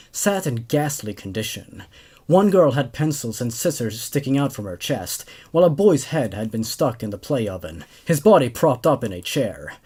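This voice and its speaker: Working from a small dark room indoors, a twenty-something male host narrates horror stories and comments on them as a reviewer. He has a medium-pitched, slightly mellow, husky voice, captured by a boom-arm desk microphone.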